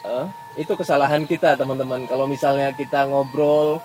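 A man's voice: mid-range voice, level tone, brisk, a little mellow, faint music behind. Attentive male host summing up. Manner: attentive, sums up the guest's points. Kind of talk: casual interview chat.

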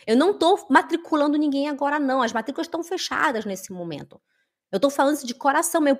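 A young adult woman giving a casual online German lesson, emphatic and animated, drilling pronunciation. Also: high-pitched. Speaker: German teacher.

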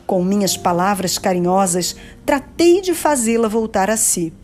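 Slow expressive woman storyteller. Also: medium pitch, slight background noise. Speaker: narrator. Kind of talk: dramatic reading of a romance novel.

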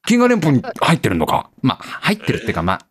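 A young man hosts a comic radio talk segment, reading listener letters aloud. His pitch leaps all over the place as he slips into little acted-out scenes, and he often breaks into laughter. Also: husky. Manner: animated, acts out skits with quick voice changes. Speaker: radio show host.

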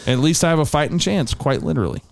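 A man's voice: on the high side, animated, fast, gravelly, no echo. A man co-hosting a talk show, earnestly rambling through political opinions with frequent restarts. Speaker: co-host.

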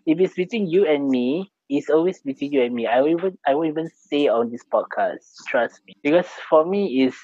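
A man's voice: a little high, animated, brisk, hardly any pauses, a little mellow, husky, dry recording, dull audio. A man with a Singaporean accent chatting casually in Singlish as a podcast co-host, dropping in particles like lah and lor.

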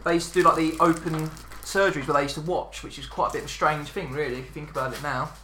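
A man's voice: on the high side, steady tone, quick pace, sharp tone. A British man hosting a casual podcast chat with friends, jokey and steering the talk. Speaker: podcast host. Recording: echoey room, faint noise.

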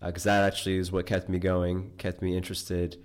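Low-voiced man hosting a casual podcast. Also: completely flat delivery, brisk. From New York. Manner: rambling, loose, with frequent fillers. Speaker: podcast host.

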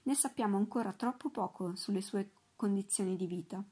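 A woman's voice: brisk, warm tone, husky, lightly acted. A woman reading aloud voices an eccentric old male professor in a storybook, fussy and full of enthusiasm. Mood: lecturing. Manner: fussy, shrill bursts of enthusiasm.

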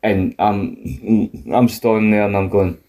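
A man's voice: lowish voice, steady tone, slow, warm tone. A man with a broad Scottish accent chatting casually and telling stories in a coarse, sweary, colloquial way. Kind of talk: casual chat, animated storytelling.

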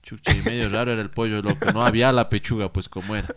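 A man's voice: fairly low pitch, fairly even intonation, fast. A man with an Ecuadorian accent telling funny stories on a casual podcast, slangy and swearing often, acting out other people's voices. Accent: Ecuadorian Spanish. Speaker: podcast co-host. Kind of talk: casual comedic storytelling.

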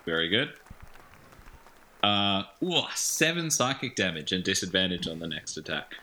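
A man's voice: sits low, very animated, normal speed, pushed and bright, a faint crowd, slight background noise. A man playing in a tabletop game, hesitant and full of fillers. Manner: hesitant, lots of "like". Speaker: player. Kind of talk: tabletop role-play.

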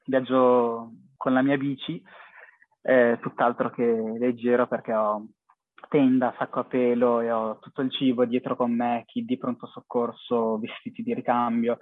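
A young man speaks earnestly in an interview, pausing as he searches for words. His voice is husky, and it comes through a thin, phone-like connection with very little room sound. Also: mid-range voice, level tone, no echo. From half Syrian family. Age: young adult. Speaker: interviewee, charity cycling traveller. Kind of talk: reflective personal account in an interview.

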